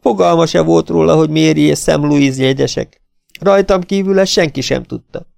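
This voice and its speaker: A man's voice: fairly even intonation, creaky, a little mellow, no echo, clean studio sound. A man voicing a distraught, defiant young woman in an audiobook, speaking with emphatic, pleading insistence. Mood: upset defiant. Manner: raised pitch, emphatic, pleading.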